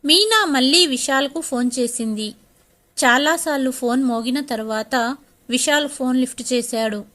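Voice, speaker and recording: A woman reading a scripted story as narrator, in a steady, clear storytelling manner. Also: high-pitched, moderate pace.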